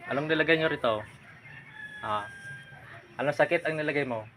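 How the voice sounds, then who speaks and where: A man's voice: on the high side, fairly quick. Commanding male folk healer, noisy yard. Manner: commanding, insistent, repeatedly prodding with "ha?". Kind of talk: interrogating a spirit during a healing ritual.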